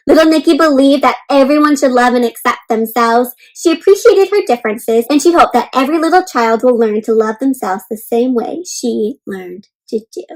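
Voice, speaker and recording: This children's read-aloud host is a woman with a high voice, captured on poor audio. Reading a storybook to young kids, she stays encouraging and reassuring, frequently stopping to give simple explanations and make sure they're following along.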